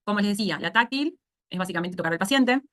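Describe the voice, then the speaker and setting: Quick-talking Rioplatense woman teaching a course. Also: medium pitch, lively intonation, a bit bright. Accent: Rioplatense Spanish. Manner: explanatory, asks "¿sí?" to check understanding. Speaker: speech therapy instructor. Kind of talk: online course lecture.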